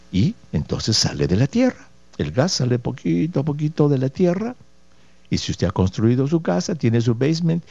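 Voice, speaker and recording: A man's voice: lowish voice, mellow, husky. A man hosting a radio health show as a doctor, explaining listeners' questions patiently with rhetorical questions and folksy diminutives. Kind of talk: radio health call-in advice. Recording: dull, dry lo-fi radio studio audio.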